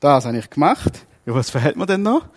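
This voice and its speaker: A man's voice: fairly high pitch, big pitch swings, a little fast, no echo. A man playing a proud rich young man, boastful and insistent. A retold story inside a sermon.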